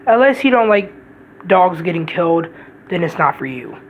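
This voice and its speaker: A woman's voice: lowish voice, sing-song, moderate pace, slight background noise, low-quality recording. A woman giving a casual, rambling movie review, blunt and profane, often restarting her sentences.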